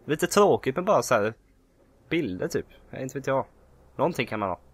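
A man giving casual, excitable gameplay commentary who yelps and shouts when he panics. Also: mid-range voice, husky. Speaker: let's play host.

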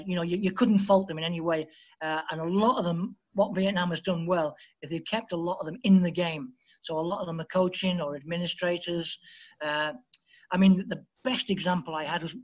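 A man from Liverpool, a football coach telling lively anecdotes as a podcast guest and acting out the dialogue. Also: sits high, dull audio. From Liverpool, England. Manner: lively storyteller who acts out quoted dialogue. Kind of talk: anecdotal interview storytelling.

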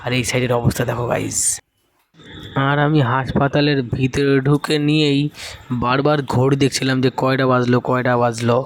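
A man's voice: medium pitch, fairly even intonation, brisk. A man casually narrating his walk through an abandoned hospital for a vlog. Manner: casual, describing what is shown. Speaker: vlogger. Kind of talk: narrated exploration vlog voice-over.

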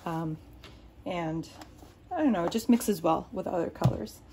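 An art tutorial host, a native Arabic speaker, talks through her painting in a home studio indoors. Her voice is fairly low and unhurried, her explanations rambling and full of ums and restarts, with noise in the background.

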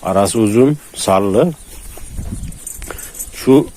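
A man talking casually to viewers about his dogs outdoors, now and then calling to them in high, loud bursts. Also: extremely slow. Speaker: dog breeder filming his dogs.

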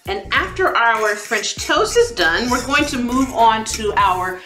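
A woman's voice: fairly high pitch, sing-song, measured pace. A woman in her forties hosting a cooking demonstration in a home kitchen, chatty and encouraging, laughing between steps. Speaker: cooking show host. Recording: echoey kitchen with soft background music.

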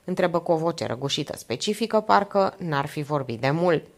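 Expressive woman reading an audiobook. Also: deep voice, gravelly. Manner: expressive storytelling. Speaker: audiobook reader. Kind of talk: audiobook narration.

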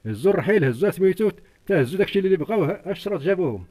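A man's voice: high voice, expressive, very fast, dark tone. An older man with a Moroccan accent giving an urgent, repetitive, pleading account as an interviewee. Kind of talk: distressed eyewitness account.

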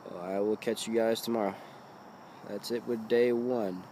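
A young man talking casually to his phone camera on a road trip, relaxed and offhand while he is a bit under the weather. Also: fairly low pitch, normal speed, a little hiss or hum. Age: young adult. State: sick. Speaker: vlogger. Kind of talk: casual travel vlog. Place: car, campsite and tent. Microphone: phone held at arm's length.

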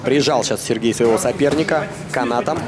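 A man's voice: medium pitch, fairly quick, a crowd in the background. A man giving live boxing commentary as a co-commentator.

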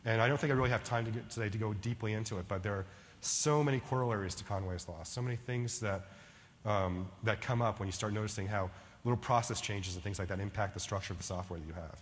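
Speaking quickly in a lowish voice, a middle-aged keynote speaker addresses a conference in a big ballroom, keeping it chatty with frequent "right?" and "like." A long reverb tail trails his words over slight background noise.

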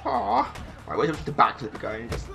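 A man's voice: a little high, wildly swooping pitch, normal speed, creaky, over music. A man casually commentating on a video game in a joking, chatty way. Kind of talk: casual let's-play commentary.

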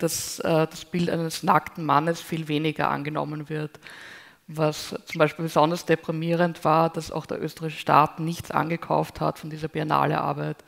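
A woman's voice: sits low, vocal fry. A woman in her forties, an artist speaking candidly as a guest in a panel discussion on a handheld mic in a large hall. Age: 40s.

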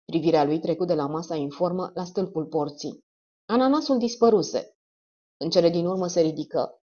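A woman narrating an audiobook in a measured storytelling manner. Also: fairly low pitch, mellow, highs cut off. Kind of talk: scripted narration.

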